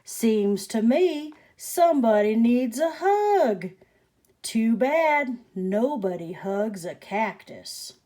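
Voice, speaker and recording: A laid-back cowboy in a storybook reading drawls his wry remarks slowly, as a woman puts him on. The voice is mellow and unhurried. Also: on the high side, lively intonation. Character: laid-back male cowboy, dry humor. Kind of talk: picture book read-aloud.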